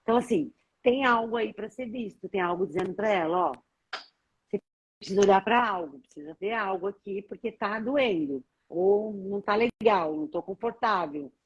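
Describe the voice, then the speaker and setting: A woman's voice: mid-range voice, moderate pace, husky, muffled recording. A woman, a therapist co-hosting a live Q&A, who reasons aloud and explains her points step by step. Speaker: therapist co-host. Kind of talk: live Q&A chat.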